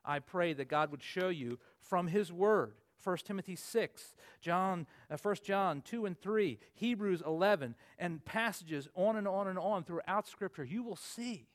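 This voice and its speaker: Forties male preacher, high-pitched, earnest, builds to emphatic peaks. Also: unhurried, hardly any pauses. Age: 40s. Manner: earnest, rising to emphatic peaks then dropping low. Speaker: pastor. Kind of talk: sermon.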